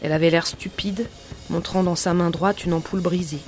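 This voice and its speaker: A woman narrating a literary audiobook in a measured, quiet, restrained way. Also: fairly low pitch, fairly even intonation, faint music behind. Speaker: audiobook reader.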